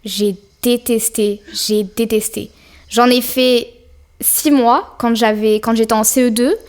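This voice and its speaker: A young adult woman from France, guesting on a podcast, speaks slowly in a slightly high voice with fairly even intonation. The interview is a relaxed chat, and she leans on fillers and slang throughout.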